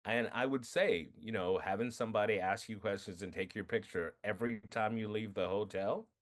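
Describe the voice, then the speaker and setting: A man being interviewed about his film, telling animated stories, acting out quotes and laughing often. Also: lowish voice, brisk. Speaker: filmmaker guest. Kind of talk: casual interview storytelling.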